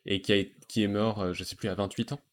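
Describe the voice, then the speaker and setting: A man hosting a relaxed podcast conversation, talking enthusiastically about animated series with frequent fillers and restarts. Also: lowish voice, quick pace. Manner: enthusiastic, hesitant with many fillers. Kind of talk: casual chat.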